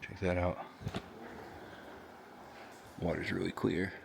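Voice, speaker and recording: A man's voice: low-pitched, flat delivery, slow. A man giving casual vlog commentary as he walks through a cave on a tour. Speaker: vlogger on a tour. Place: inside a wet cave. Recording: clear crowd noise in a cave.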